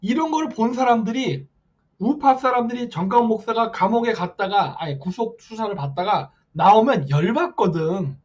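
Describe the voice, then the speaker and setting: A man's voice: sits high, lively intonation, normal speed, a little mellow, lo-fi sound. A man hosting a late-night political stream, reading viewer comments and firing off rhetorical questions with a repeated "eh?" tag. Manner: reads viewer comments aloud. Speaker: live-stream host.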